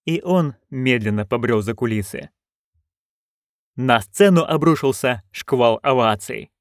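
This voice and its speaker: A man reading an audiobook in an expressive, even-paced narration. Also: mid-range voice, a little slow, no room sound, studio quality.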